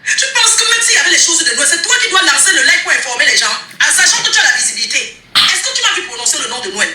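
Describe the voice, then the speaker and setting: A woman's voice: high voice, very animated, fast, pushed and bright. A woman retelling a phone call on a live stream, laughing often as she talks. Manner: laughs often while telling the story. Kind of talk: replayed live stream monologue. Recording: echoey, distant, faint background noise.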